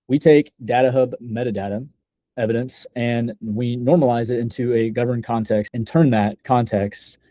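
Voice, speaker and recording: A young man giving a scripted software demo in a deliberate, measured, slightly halting way, as a developer presenting a project. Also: medium pitch, dry recording.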